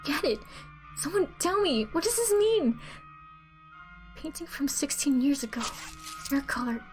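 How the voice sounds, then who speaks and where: A woman reading as a distraught fourteen-year-old noble girl from a visual novel, frantic and muttering to herself, her voice pitched high and rising higher as she unravels. Faint music plays underneath, as if the story runs in the background. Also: measured pace, a little mellow.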